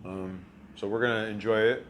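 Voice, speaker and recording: A man hosting a casual home cooking vlog, talking in a halting way with many fillers and restarts. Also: fairly low pitch, steady tone, slight background noise. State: talking with his mouth full. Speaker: cooking channel host.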